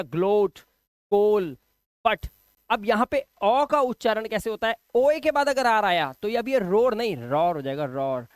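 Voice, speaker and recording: A man teaching English pronunciation in a classroom style. He asks questions, answers them himself and repeats each example word slowly. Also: high-pitched, clear, resonant tone, dry recording, studio quality. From India.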